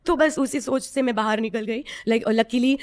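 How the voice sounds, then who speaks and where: Earnest woman with a higher voice. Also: normal speed. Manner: earnest and confiding. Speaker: podcast guest. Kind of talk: personal story told in an interview.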